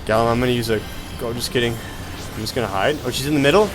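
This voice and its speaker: A man's voice: medium pitch, rapid-fire, low-quality recording. A man giving casual, playful gameplay commentary with jokey asides while he plays an online game with a group. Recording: loud game music behind. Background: game music.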